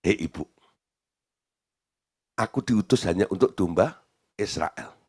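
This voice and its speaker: A man preaching a sermon, voicing a calm male teacher who answers in a low, measured tone. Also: slightly rough, full character voice. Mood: solemn.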